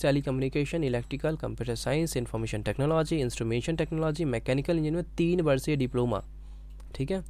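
Explaining an exam notification in an informal teaching style, a man with a medium-pitched, darkish voice goes over points repeatedly. He frequently tacks on "okay" to check in with his listeners.

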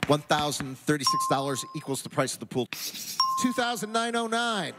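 A man's voice: on the high side, very animated, normal speed. A middle-aged American man hosting a game show, explaining rules off the cuff in a casual, joking way. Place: large TV studio with audience. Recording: studio crowd and music behind. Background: crowd and music.

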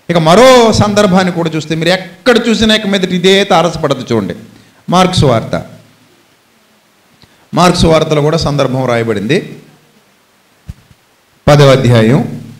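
A man preaching a sermon with a Telugu accent, telling a Bible story dramatically and switching between loud cries and low speech. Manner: dramatic storytelling, shouts out the beggar's cries, then drops low. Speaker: pastor.

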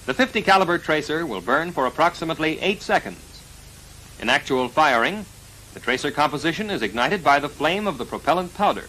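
An American man narrates a 1940s military instructional film in a formal, precise, measured voice-over on a vintage soundtrack. His voice is fairly high with lively intonation and a bright, forceful tone, and the poor audio carries a little hiss or hum.

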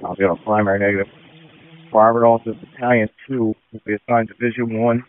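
Over muffled, tinny two-way radio audio, an American man acting as a fire incident commander issues orders in emergency dispatch traffic. He talks fast in a fairly low, flat voice, and the recording is dry.

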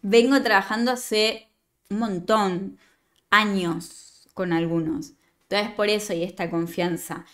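A woman's voice: mid-range voice, steady tone, takes it slowly, fairly bright tone. A woman leading a writing workshop, reading a student's story aloud and giving chatty, digressive, teasing feedback.

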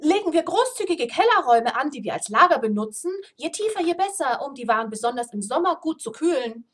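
A woman doing a loud, eager dwarf man. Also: high-pitched, very animated, fairly quick, pitched above the performer's own voice.

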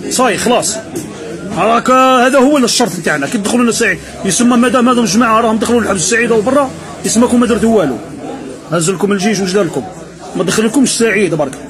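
A man with an Algerian Arabic accent fires off a sarcastic political rant at breakneck speed, jeering straight at his opponents. His voice sits high for a man, and a crowd murmurs clearly behind him. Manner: mocking, sarcastic, addressing opponents directly. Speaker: political commentator.

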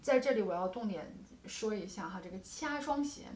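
A woman's voice: medium pitch, animated, brisk, roomy sound, a little hiss or hum. A woman teaching guqin technique in a patient explaining tone. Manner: patient explaining with frequent soft particles. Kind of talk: music lesson with demonstrations. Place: music studio.

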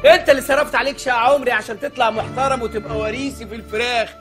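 A man's voice: very high voice, fairly even intonation, very fast, fairly bright tone, soft background music. An actor playing a pious, fussy chicken-shop owner who worries about his son, speaking in Egyptian Arabic and scolding, pleading and fretting. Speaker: comic lead in a TV comedy series. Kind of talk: sitcom comedy acting.

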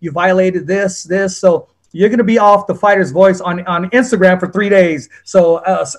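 A man's voice: high voice, moderate pace. A man in his forties hosting a casual sports interview over a video call. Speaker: sports show host. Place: small room indoors with show banner.

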